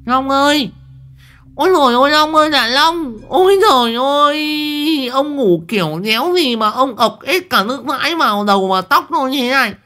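A man voicing a crude, angry middle-aged wife in a shrieking falsetto, in a spoken ghost story. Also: expressive, moderate pace, sharp tone, full character voice. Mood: furious scolding.

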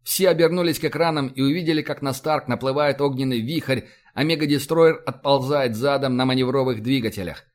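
A man narrating an audiobook in a steady, dramatic reading. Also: medium pitch, fairly quick, few pauses. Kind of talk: scripted narration.

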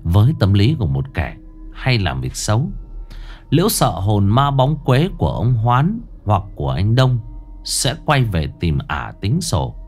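A man narrating a ghost story in a dramatic, expressive manner. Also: on the low side.

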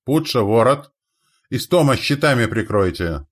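A man reading a story voicing a young male crossbowman who shouts orders in battle. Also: mid-range voice, expressive, a little slow, voice pushed up. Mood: shouting orders. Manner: shouted commands.

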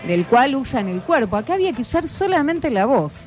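Interviewing schoolchildren informally on the radio, this female host keeps tossing in short check-in questions. She speaks fairly quickly in a high, darkish voice with big swings in pitch.

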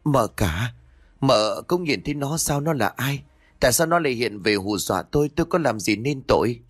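A man's voice: medium pitch, expressive, normal speed, dry recording, studio quality, lightly acted. A man voicing a frightened old woman who works as a cook, stammering and pleading in a ghost story.

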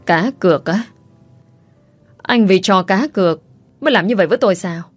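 A woman's voice: medium pitch, normal speed, no room sound, faint music behind, natural voice. A woman voicing a betrayed, heartbroken young woman who speaks tearfully and pleads, in a storybook reading. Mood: bitter.

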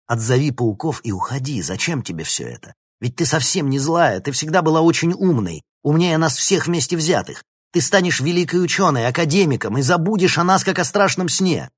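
Guy doing a teen boy hero, firm and urgent, pushed up high and loud, kinda husky. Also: animated, normal speed, hardly any pauses, no room sound, studio quality. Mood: pleading. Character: earnest teenage boy hero, pleading.

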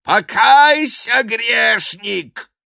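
Man doing a hoarse frantic greedy priest. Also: mid-range voice, normal speed, no echo, studio quality, natural voice. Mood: frantic demanding. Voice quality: hoarse shouting.

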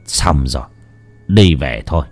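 A man voicing a calm elderly male exorcist who speaks low and grave in a told ghost story. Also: measured pace, exaggerated voice.

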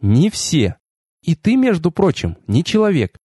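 In a dry, close recording, a male narrator plays a haughty young goddess who turns from teasing to furious in a raised, lively voice. She is imperious and quick to flare up. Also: a little high, breathy edge, no echo, pitched above the performer's own voice, heavily acted. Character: haughty proud goddess, young woman, hot-tempered.

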